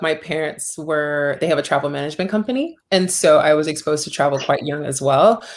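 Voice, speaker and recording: A travel blogger from Cameroon answering panel questions in a casual, lively way. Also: medium pitch. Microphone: video call.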